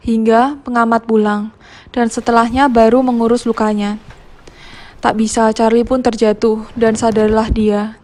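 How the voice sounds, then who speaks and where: A woman retelling a film plot as a recap narrator in a plain, steady way. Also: a little high, moderate pace. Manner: plain, steady retelling with a brief casual aside at the end.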